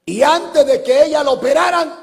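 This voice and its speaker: A male preacher tells dramatic stories to his congregation and often rises into impassioned shouts. His voice sits high and carries a gravelly edge. A long church reverb trails every phrase of this live service recording. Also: normal speed. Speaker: pastor. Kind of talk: sermon.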